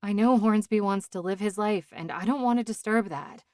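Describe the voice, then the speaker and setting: A man performs a young pregnant woman's voice for an audiobook, pitched above his own yet close to an everyday voice. She sounds soft and shaky at times, then turns firm and scolding, at normal speed. The recording is dry and studio quality.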